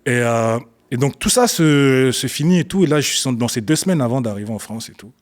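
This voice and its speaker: Animated man telling his story. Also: mid-range voice, a little fast. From Africa, grew up partly in Ethiopia. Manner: animated storyteller, acts out scenes, bursts of laughter. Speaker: guest, battle rapper and slam poet. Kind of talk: casual storytelling interview.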